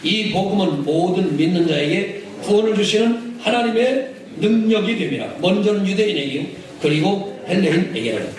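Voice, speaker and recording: A man preaching a lively sermon, leading the congregation in call-and-response and shouting for emphasis. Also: high-pitched, moderate pace. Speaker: pastor. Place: large church hall. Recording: echoey hall, mic from a distance, noisy.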